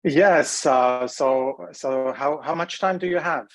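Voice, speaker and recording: A man from Lebanon who grew up in Switzerland, giving measured, thoughtful interview answers and pausing to search for words. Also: a little high, low-quality recording. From Lebanon, raised in Switzerland. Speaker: guest, rehab center CEO.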